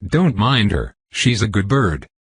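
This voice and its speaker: A man voicing a weary, gruff older man who mutters in an audiobook. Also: on the low side, big pitch swings, a little slow, no room sound, exaggerated voice. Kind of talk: audiobook character voice.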